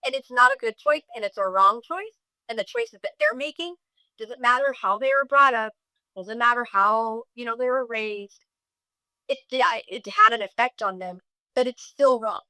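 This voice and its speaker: A middle-aged woman telling a personal story in a podcast conversation, emotional and halting, quoting others as she goes. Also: on the high side, lively intonation, sharp tone, no echo. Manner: emotional, halting, with many restarts and quoted speech. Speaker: guest sharing her story.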